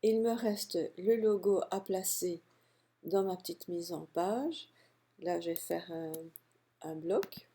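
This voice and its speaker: A woman calmly walking through a software tutorial step by step, narrating her clicks. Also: on the low side, husky. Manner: calm step-by-step explaining, unhurried. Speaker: software instructor. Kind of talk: screen-recorded software tutorial.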